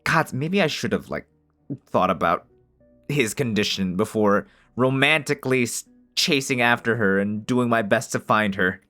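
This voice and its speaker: A man's voice: mid-range voice, lively intonation, normal speed, pushed and bright, soft background music. A man reading a visual novel aloud as narration and breaking off to joke and swear in casual commentary. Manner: swears freely, jokes between narrated lines.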